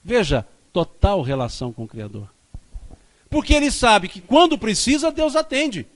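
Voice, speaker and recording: A lively, high-voiced man from Minas Gerais, Brazil, gives a spiritist lecture in the lecture hall of a spiritist center. He speaks at a normal speed, with emphasis, and repeats his key phrases.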